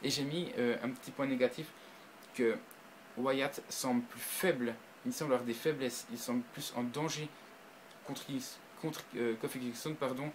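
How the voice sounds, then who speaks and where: Hesitant, excitable man reviewing. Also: mid-range voice, moderate pace, a little hiss or hum, poor audio. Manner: hesitant, frequent restarts and fillers, bursts of excitement. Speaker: video reviewer. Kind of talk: casual spoken review to camera.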